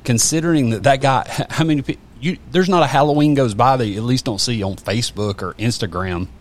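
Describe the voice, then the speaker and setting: A man's voice: mid-range voice, fast talker. A man chatting casually on a podcast, rambling with many fillers and restarts. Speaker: podcast guest. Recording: faint background noise.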